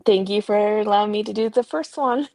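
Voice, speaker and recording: A woman hosting a reading livestream from home, chatting casually and telling stories in a relaxed way. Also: mid-range voice, brisk, no room sound, rough recording. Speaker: sprint host on a reading livestream. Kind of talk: casual chat. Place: at home with her dog.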